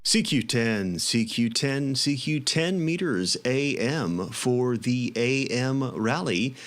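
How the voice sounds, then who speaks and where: A man's voice: medium pitch, animated, slow, a bit bright, slight background noise. A man speaking as an amateur radio operator, casually making and calling for contacts. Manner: spells call signs in phonetic alphabet.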